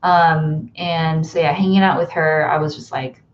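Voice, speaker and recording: A woman's voice: deep voice, fairly even intonation, a little slow, highs cut off. A young woman from the United States chatting casually on a livestream from her bedroom, rambling with lots of ums and likes. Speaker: YouTuber hosting a livestream. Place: bedroom at home.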